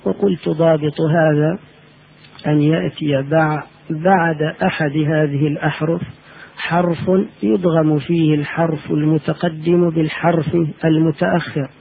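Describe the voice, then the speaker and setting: A man's voice: a little high, level tone, gravelly, breathy edge. Man teaching Quran recitation, tinny audio. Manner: explains slowly, chants the letters in drawn-out recitation. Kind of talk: religious lecture.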